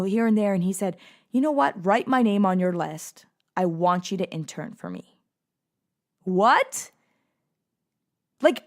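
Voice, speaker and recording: Animated woman telling a personal story. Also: mid-range voice. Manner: animated, acts out quoted dialogue. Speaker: podcast host.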